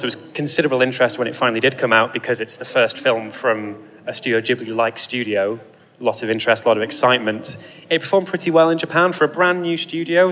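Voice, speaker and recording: A man's voice: medium pitch, a bit bright, big-room sound. A man hosting a podcast, telling film history in a chatty, explanatory way with dry humor. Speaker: podcast host. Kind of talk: casual film discussion.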